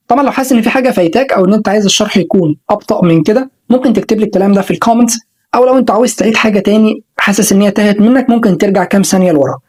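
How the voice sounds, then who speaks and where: A woman with an Egyptian Arabic accent leads an online English pronunciation lesson at a mid-range pitch. She stretches out each model word and repeats it so listeners can say it after her. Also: a little mellow, poor audio. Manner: models sounds slowly and repeats words for learners to copy.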